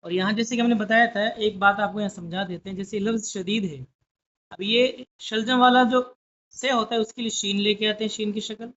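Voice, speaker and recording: A woman's voice: medium pitch, steady tone, fairly bright tone. A woman teaching a lesson at a careful pace, sounding out letters and words one at a time. She keeps stopping to check that her students follow. The recording is a little dull and lo-fi. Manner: slow, deliberate letter-by-letter explaining with frequent checks. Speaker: Urdu teacher. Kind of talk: classroom lesson.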